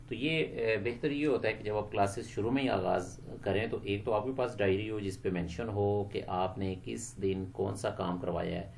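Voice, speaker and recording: A low, gravelly male voice gives a bilingual English lesson for Quran teachers. He explains quickly, then says each model phrase slowly and clearly. Faint noise sits behind him. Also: a little mellow.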